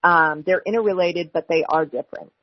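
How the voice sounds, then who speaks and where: An American woman speaking as a candidate hosting a live telephone town hall, with a halting delivery full of hesitations, over a phone. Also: on the low side, husky. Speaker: city council member running for mayor, hosting a town hall. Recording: dull, lo-fi telephone line.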